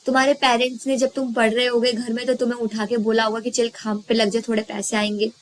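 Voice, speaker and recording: A woman's voice: a little high, flat delivery, quick pace, low-quality recording. A woman teacher retelling a story in a casual lesson, chatty, asking questions and answering them herself.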